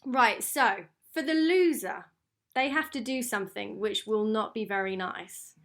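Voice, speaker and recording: Chatty woman podcast host, high-pitched voice. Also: unhurried, a bit bright, no echo. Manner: chatty, informal. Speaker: podcast co-host and quiz master. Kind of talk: casual chatty podcast talk.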